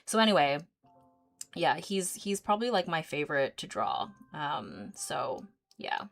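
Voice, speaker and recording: A woman's voice: sits low, very animated, measured pace, creaky, faint music behind. A woman in her thirties hosting an art livestream, chatting casually as she paints, rambling with lots of fillers and easy giggles. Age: 30s. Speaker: artist livestream host.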